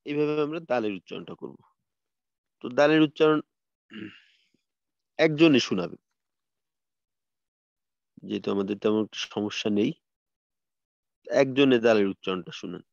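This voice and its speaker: A man's voice: medium pitch, animated, creaky, no room sound. Guy teaching arabic letter sounds online, patient, says them over and over, kinda dull dry audio. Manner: patient, repeats letter sounds slowly for students to copy. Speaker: Quran recitation teacher. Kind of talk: online tajweed lesson.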